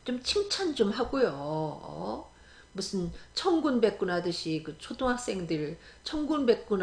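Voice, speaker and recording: A middle-aged woman preaching a sermon in an emphatic way, often asking the congregation questions as she speaks. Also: fairly high pitch. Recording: echoey room.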